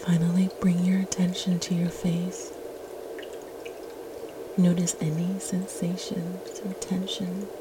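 Slow soft spa whisper from a woman. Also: lowish voice, monotone, background noise. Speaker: guided meditation host. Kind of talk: whispered guided meditation. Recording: loud watery ambience, dripping water. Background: running and dripping water ambience.

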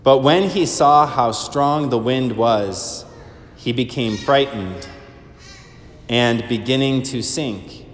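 A priest reading the gospel aloud in a slow, measured liturgical manner, his voice ringing with cathedral echo. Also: medium pitch, a little hiss or hum. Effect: cathedral echo, long church reverb. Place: large church. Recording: echoey church hall, long reverb.

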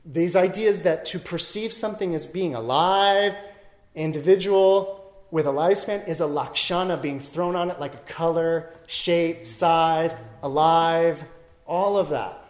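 Slow, searching male dharma teacher. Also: on the high side, echoey room. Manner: explanatory, thinking aloud with many "like" and "right?". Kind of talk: dharma talk.

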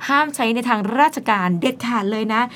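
A woman host with a fairly high voice explains English phrases in a chatty, playful way, acting out little examples with exclamations. A faint noise sits behind her voice. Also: brisk, a bit bright. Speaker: host translating into Thai. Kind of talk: bilingual radio English lesson.

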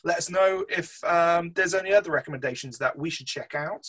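A man's voice: a little high, a little fast, a bit bright. A man co-hosting a casual film review podcast, upbeat and chatty. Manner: upbeat, chatty, says mate. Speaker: podcast co-host.

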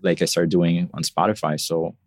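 Low-voiced Brazilian man, relaxed interview guest. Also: normal speed, no room sound, clean studio sound. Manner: thoughtful, frequent "you know" and "like" fillers. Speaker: podcast guest, marketing lead. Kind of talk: casual interview answers.

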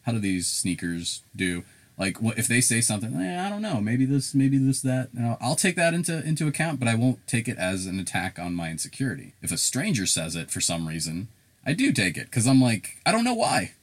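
Low-voiced man with a slight Southern drawl. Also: very animated, fairly quick. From South Carolina. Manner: candid, swearing, trails off quietly. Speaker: podcast co-host. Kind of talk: casual chat.

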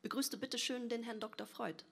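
A woman's voice: fairly high pitch, fairly even intonation, brisk, vocal fry, a bit bright. A woman reading as a stern impatient father. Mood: stiff, formal. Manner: formal, impatient, hissing rebukes. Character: stern proper middle-aged Viennese father.

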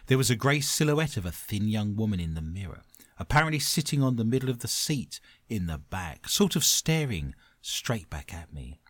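A man hosting a paranormal show, narrating ghost stories dramatically and dropping into hushed tones, with some banter. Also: on the low side, big pitch swings, normal speed, dry recording. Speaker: host of a paranormal quiz show. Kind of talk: scripted ghost-story narration mixed with banter.

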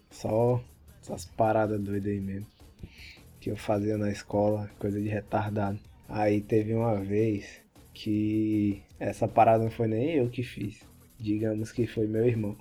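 A young Brazilian man co-hosts a podcast, speaking Brazilian Portuguese in a fairly low, level, warm voice at an unhurried pace. He casually tells school stories packed with slang and swearing, laughing as he goes. Faint music plays behind him.

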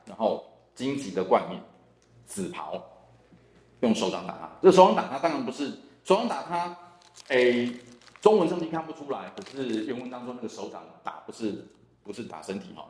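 A man's voice: medium pitch, a little mellow. A man with a Taiwanese Mandarin accent, a church deacon teaching a Bible study class, who acts out the dialogue from the passage. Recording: echoey room.

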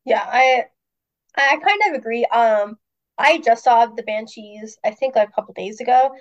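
A woman's voice: a little high, normal speed, muffled recording. A woman co-hosting a movie podcast, a little congested from a cold, chatting frankly with fillers. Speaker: podcast co-host. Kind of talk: casual podcast chat.

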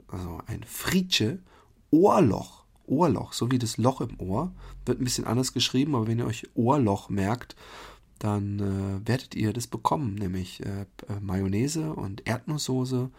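A man from Germany hosts a casual podcast monologue. His voice sits a little low with a breathy, husky edge. He talks in a chatty, meandering way, stopping often for fillers and self-corrections. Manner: chatty and rambling, with many fillers and restarts. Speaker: podcast host.

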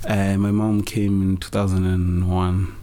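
A young man from Zimbabwe answering interview questions in a relaxed, hesitant way, with many fillers and restarts. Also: low-pitched, measured pace. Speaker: interview guest, business founder.

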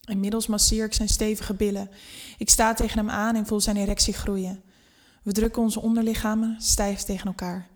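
A woman with a medium-pitched voice narrates an erotic story in the first person from a script. She takes her time, keeps it intimate and steady, and now and then lowers her voice almost to a hush.

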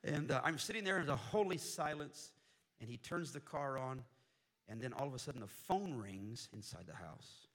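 A man preaching a sermon as a missionary, telling a humorous story in a jokey, animated way with sudden loud bursts. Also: mid-range voice, moderate pace.

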